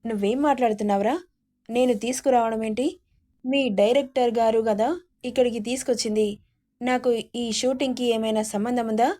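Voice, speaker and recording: A man's voice: very high voice, fairly even intonation, fairly quick, mellow. A woman voicing a nervous young man, a loyal friend and brother, who talks in a flustered, pleading way.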